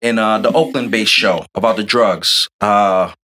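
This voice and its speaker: A man co-hosting a casual group chat, animated and joking, quick to tease the others. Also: fairly low pitch. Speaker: podcast co-host.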